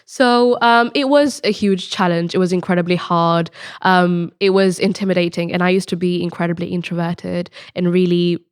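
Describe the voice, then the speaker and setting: An eighteen-year-old woman, born in Bangladesh and raised in Spain, earnestly tells her personal story as a podcast guest and student mentor, with many restarts and ums. Her lowish voice is clear and resonant, with fairly even intonation, a moderate pace and hardly any pauses. The recording is dry, clean studio sound.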